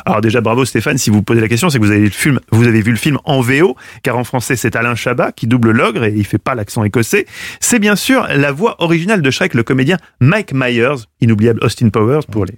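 A man's voice: medium pitch, expressive, fast talker, no room sound. A man giving a comic radio chronicle in a playful, teasing, slangy way at a studio microphone, with faint music behind. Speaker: radio columnist.

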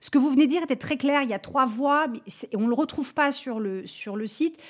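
Woman advisor giving structured feedback. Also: high-pitched. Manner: clear, structured, quick to laugh. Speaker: business advisor. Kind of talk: expert feedback on radio.

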